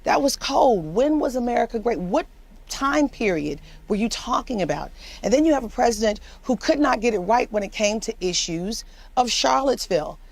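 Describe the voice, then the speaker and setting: A woman's voice: fairly high pitch, expressive, normal speed, a little mellow. A woman commenting on a TV news panel in an earnest way, repeating words as she builds her argument.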